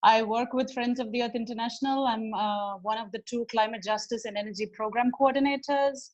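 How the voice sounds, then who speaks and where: A woman's voice: on the high side, fairly even intonation, brisk. Woman from India on a dull call line. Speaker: panelist, program coordinator. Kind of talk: online panel introduction. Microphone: video call.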